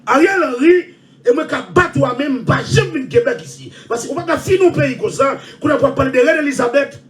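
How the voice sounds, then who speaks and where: Man ranting, very high voice, lively swings, shouting, repetitive. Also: fairly quick, distant mic, a little hiss or hum. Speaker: online show host. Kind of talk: impassioned rant.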